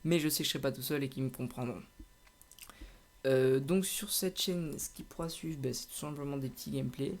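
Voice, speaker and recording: A man's voice: medium pitch, a little fast. A young man chatting casually over his gameplay, rambling with lots of hesitations and restarts. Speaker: gaming channel host.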